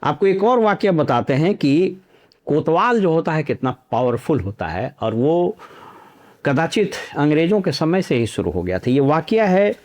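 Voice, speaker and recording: Man, middle-aged, somewhat high voice, very animated intonation, anecdotal commentary. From Nalanda district, Bihar. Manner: anecdotal, uses proverbs, measured. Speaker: commentator, former civil servant. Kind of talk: storytelling commentary.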